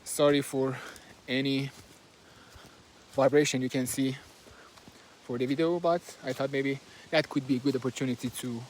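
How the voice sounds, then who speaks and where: In a medium-pitched, steady voice that's a little mellow, a book reviewer walks outdoors at a moderate pace of speech, casually summarizing a book with hesitation, many fillers, and restarts. He's a native Persian speaker with a Persian accent. His basic handheld phone picks up a little hiss or hum.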